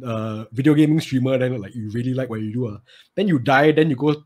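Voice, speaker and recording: A man's voice: mid-range voice, fast, a little mellow. A Singaporean man chatting and joking casually in colloquial Singlish, with plenty of lah and ah. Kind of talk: casual joking chat in a group.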